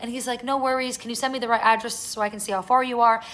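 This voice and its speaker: A young woman casually telling a story to her viewers, chatty and animated, with lots of "like". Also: a little high. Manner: chatty, animated, fast-paced retelling with lots of "like". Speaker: vlogger.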